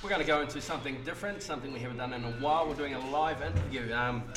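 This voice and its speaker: A man's voice: medium pitch, racing, echoey room. A man hosting a casual live community radio interview, upbeat and full of ums. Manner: upbeat, many ums and awesomes. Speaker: radio host. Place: community radio broadcast from a church.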